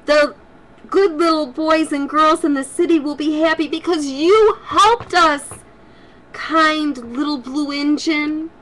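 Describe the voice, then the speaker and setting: A woman plays little toys and dolls from a children's storybook. The voice is lifted high, excitable and sing-song, full of eager need, with faint noise behind it. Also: slow pace, poor audio. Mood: joyful. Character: group of small pleading toys and dolls, anxious for help.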